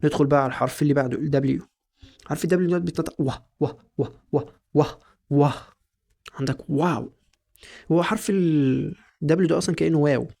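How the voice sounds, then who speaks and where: A young man with an Egyptian Arabic accent teaching English pronunciation in a casual lesson, repeating each sound slowly several times. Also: on the high side, creaky, warm tone.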